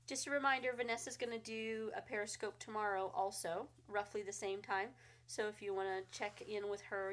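A woman hosting a casual live-stream chat, chatty and rambling with fillers, a bit congested and sniffly. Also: medium pitch. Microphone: phone.

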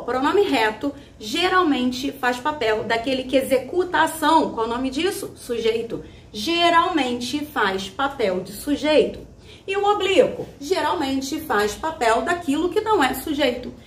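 A Brazilian woman teacher with a high voice gives a lively whiteboard grammar lesson. She is chatty and emphatic, drops in slang and answers her own questions. The sound is roomy, with the mic set back from her. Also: recorded from a distance. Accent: Brazilian Portuguese. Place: classroom with a whiteboard.

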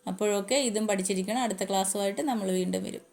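A woman's voice: mid-range voice, quick pace, a little mellow. A woman with a Malayali accent teaching English grammar in a casual spoken lesson, going through terms one by one and repeating them as she explains.

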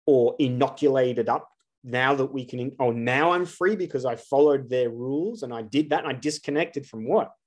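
An Australian astrologer in his 40s speaks alone to the camera in a medium-pitched, somewhat dark voice. His spiritual talk is earnest, and he stresses rhetorical questions as he goes.

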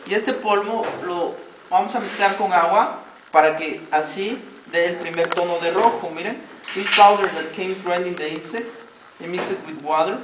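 A man's voice: high-pitched, moderate pace. A man with a Mexican Spanish accent guiding tourists through a weaving demonstration, explaining each step in Spanish and then repeating it in English. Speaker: weaving cooperative guide. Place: weaving workshop with visitors. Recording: distant, roomy camera audio with background noise.

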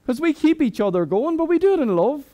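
A high-voiced Irish man in middle age preaching a sermon. He talks to the congregation like friends, mixes jokes into the message and restarts his sentences often. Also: sing-song, quick pace, warm tone. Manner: conversational and humorous, with many restarts. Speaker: guest preacher.

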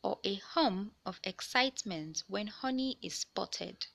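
A woman who narrates children's books reads a picture book in a bright, clear-cut, mid-range voice with very animated, swooping intonation. Unhurried, she lingers over each phrase like an expressive storyteller explaining things to young listeners.

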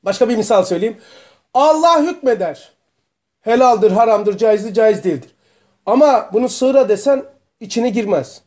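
A man teaching a religious study group, explaining terms slowly and asking his students questions. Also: high voice, lively intonation, darkish tone. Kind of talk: religious lesson to a small group.

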